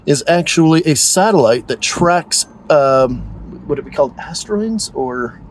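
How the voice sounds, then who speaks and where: Cruising along with road noise behind him, a man plays real estate guide on a driving tour, joking and putting himself down in a casual, chatty way. His voice is a little high, animated, and unhurried.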